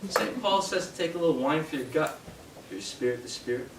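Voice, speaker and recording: A young man from Canada giving a live poetry reading in a bookshop, hesitant with fillers between poems and steady in his verse. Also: fairly high pitch, brisk. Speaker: poet. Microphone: distant from the mic. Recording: roomy, distant, noisy live room sound.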